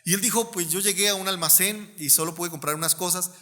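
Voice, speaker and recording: A Colombian man preaching a sermon as pastor, animated and acting out the people in his stories. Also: high voice, fast talker, in a large hall. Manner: animated, acts out quoted voices.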